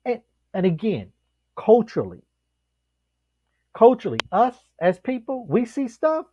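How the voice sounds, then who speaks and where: Animated man telling stories. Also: a little slow, highs cut off, a little hiss or hum. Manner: animated storyteller, acts out quotes with big pitch jumps. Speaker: podcast co-host. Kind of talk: casual chat.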